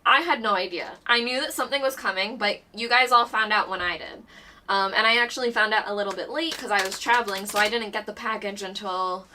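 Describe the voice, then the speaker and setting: A woman chatting excitedly on a board game live stream, bubbly and rambling, a little out of breath. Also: mid-range voice, a little fast, far from the mic, a little hiss or hum. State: a bit out of breath. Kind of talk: casual live-stream chat.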